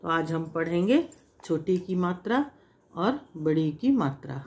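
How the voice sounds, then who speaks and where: Slow, patient woman teaching children. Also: lowish voice, animated, darkish tone. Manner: slow, patient explaining with repeated examples; stretches vowels to demonstrate sounds. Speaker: Hindi teacher. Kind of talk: children's language lesson.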